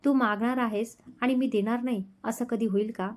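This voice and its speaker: A tender young husband in a romance story, teasing and affectionate, as a woman reads his lines. The voice sits a little high and keeps an easy, loving warmth in every line. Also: steady tone, normal speed, natural voice. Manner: affectionate, playful.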